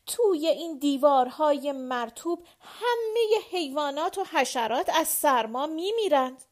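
A woman voicing a quarrelsome, indignant male servant who shouts in exasperation in an audiobook. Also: sits high, lively intonation, voice pushed up. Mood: indignant shouting. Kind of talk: audiobook character voice.

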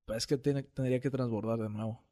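A man's voice: mid-range voice, fast talker. A man with a northern Mexican accent from Monterrey, hosting a casual podcast and telling a story with frequent laughter. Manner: animated storyteller, laughs often. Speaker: podcast host.

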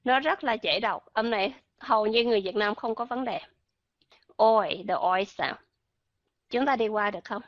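A woman's voice: fairly high pitch, brisk, few pauses, no room sound, dull audio. A woman teaching pronunciation in an online lesson, explaining patiently and drawing out example sounds.

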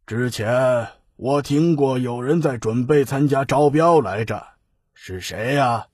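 A man's voice: mid-range voice, slow pace, darkish tone, slightly rough, dry recording, clean studio sound. A man playing a scheming, domineering older family patriarch in an audiobook drama, with a commanding, dismissive way of talking. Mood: probing.

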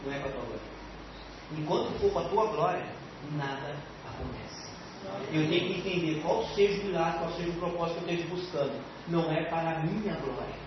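A Brazilian pastor preaching with fervor, swinging between loud exhortation and quiet, pointed asides. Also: male voice, a little high, brisk, noisy background. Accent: Brazilian Portuguese. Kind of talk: sermon. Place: church. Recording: echoey church hall, distant mic, dull sound, music behind. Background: music.

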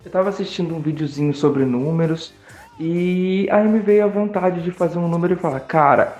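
A Brazilian man with a Brazilian Portuguese accent gives a friendly English lesson. His voice sits a little high, and he drills each word slowly so students can repeat it. The room is echoey, and faint music plays behind him. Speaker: English teacher.

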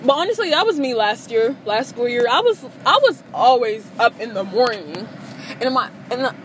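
A woman's voice: a little high, expressive, normal speed, a little hiss or hum, low-quality recording. A teenage girl vlogging from a parked car, chatty and self-deprecating, with lots of fillers. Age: teens. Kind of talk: rambling casual vlog chat. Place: parked car in a public lot. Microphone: phone.

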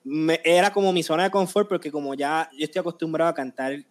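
A Puerto Rican man in his late twenties, a singer telling his story in a casual interview, animated and acting out quotes. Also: on the high side, quick pace. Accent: Puerto Rican Spanish. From Puerto Rico. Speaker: guest singer.

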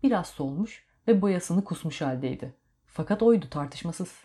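A woman narrating a story in a steady, measured reading voice. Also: fairly low pitch.

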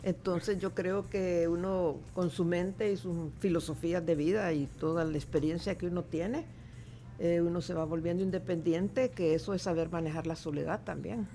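A woman in her seventies from El Salvador, a guest artist, chats reflectively in a casual studio interview with a Salvadoran Spanish accent. Her lowish voice is steady and dark in tone at a normal speed. She is chatty and laughs easily.

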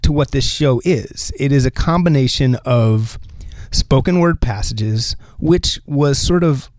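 Male podcast host, mid pitch, dry close mic, animated, laughs often. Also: measured pace, no room sound. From New Jersey. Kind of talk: casual chat.

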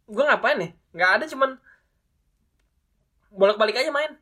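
A man's voice: extremely high pitch, expressive, normal speed, pushed and bright. A man in his twenties with a Jakarta accent co-hosts a casual podcast, bantering in Jakarta slang peppered with tag questions. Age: 20s. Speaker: podcast co-host.

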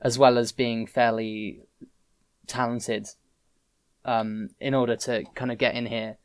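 Male player, mid pitch; halting improvised role-play, dry recording with soft music behind. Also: little pitch movement, clean tone, no echo. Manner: hesitant, many fillers and restarts while improvising. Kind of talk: role-playing a character in a tabletop game.

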